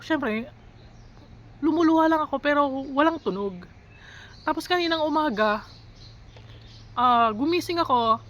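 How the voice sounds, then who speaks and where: High-voiced Filipina caregiver telling her story. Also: a bit bright, low-quality recording. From Philippines. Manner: halting, emotional storytelling with many pauses. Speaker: live-in caregiver for an elderly woman. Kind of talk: confessional vlog, mixing Tagalog and English.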